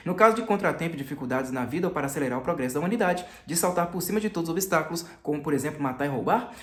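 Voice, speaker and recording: A man's voice: on the high side, expressive, racing, fairly bright tone. Man voicing a chatty, falsely friendly magistrate. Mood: insistent. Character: fawning, probing middle-aged male magistrate. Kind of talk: audiobook character voice. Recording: roomy echo.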